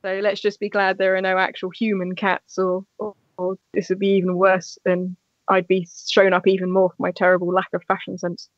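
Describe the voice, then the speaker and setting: A woman's voice: medium pitch, monotone, fairly quick, no room sound. A woman hosting a podcast in casual chat, joking as she moves through her questions. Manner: jokey, leads the questions. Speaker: podcast host. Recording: dull dry recording.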